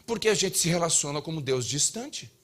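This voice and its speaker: A man's voice: on the high side, animated, fairly quick, a bit bright. A man preaching a sermon as pastor, emphatic and humorous. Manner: humorous, acts out dialogues. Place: church.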